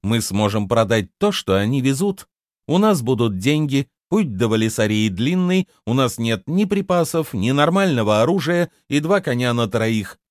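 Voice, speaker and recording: A bold young warrior woman presses her point in a raised, forceful voice, as a male narrator puts her on. Her lines rise and fall with animated intonation. The recording is dry and up close. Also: mid-range voice, moderate pace, dry recording, lightly acted. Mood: persuasive. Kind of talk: audiobook reading.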